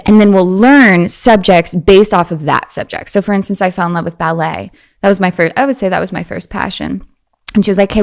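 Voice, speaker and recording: Guesting on an interview, this woman in her twenties talks casually with a creaky voice, lively and frequently shifting into a high, girlish tone.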